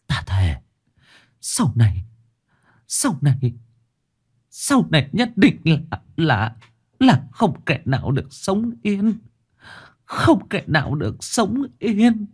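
A man's voice: a little high, wildly swooping pitch, slow, long pauses, breathy edge, pitched above the performer's own voice, exaggerated voice. A man voicing a dying young woman who stammers out a vengeful curse with her last breath.

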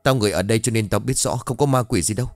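Man doing a steady young guy calming his buddy, low voice. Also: rapid-fire, dry recording, faint music behind, natural voice. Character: young man, calm and reassuring friend.

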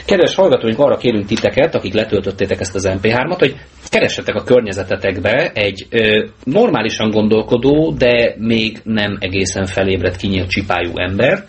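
A man hosting an amateur talk radio show, chatting casually with a joking, sarcastic manner. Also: animated. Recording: low-bitrate mono mp3 with faint hiss.

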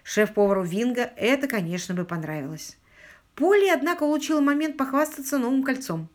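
A woman narrating an audiobook with expressive storytelling. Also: high-pitched, fairly quick. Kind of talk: scripted narration.

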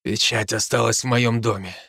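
Cornered noble, injured, begging for his wife, male reader doing the voice; quiet and trembling. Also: on the low side, steady tone, moderate pace, gravelly, no echo, clean studio sound. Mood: shaky. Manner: hushed, shaky and pleading.

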